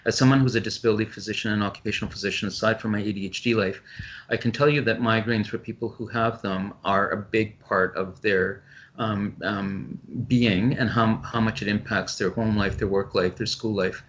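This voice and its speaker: A male physician giving a webinar talk over a video call, explaining briskly with frequent ums and restarts. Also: on the low side, fairly even intonation, fairly bright tone, a little hiss or hum. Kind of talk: webinar presentation.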